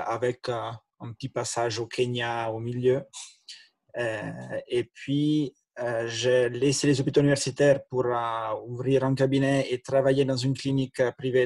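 A man's voice: medium pitch, dry recording. Guy on a webcam call from his attic, dry close sound, lots of euhs. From Italian-speaking Switzerland. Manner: hesitant, many fillers and restarts. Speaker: internal medicine doctor. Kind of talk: panel testimony. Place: attic room at home. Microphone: laptop webcam on a video call.

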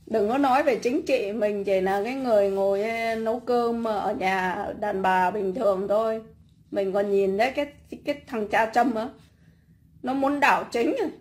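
A blunt, scornful woman rants on a casual livestream from her home. Her voice sits a little high, and she stumbles over repeated fillers while she works on cakes in her kitchen. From Vietnam.

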